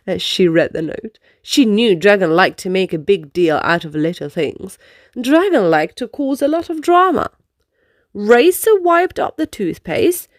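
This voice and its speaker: A woman reads a children's storybook aloud with expression, pausing to explain its lessons to young listeners. Her voice is medium-pitched, recorded with studio quality and no echo.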